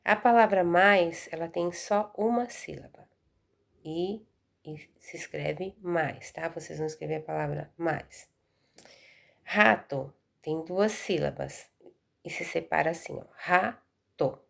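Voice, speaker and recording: A woman's voice: deep voice, a little slow, creaky. A woman with a Brazilian accent teaching a recorded Portuguese lesson, explaining step by step and checking that her pupils follow.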